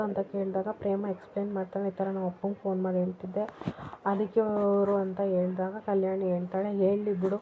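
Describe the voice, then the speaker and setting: A woman casually retelling a TV serial episode, quoting the characters' lines as she goes. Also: mid-range voice. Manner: retells scenes, voicing each character's lines in quotes. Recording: tinny phone-like audio, faint noise.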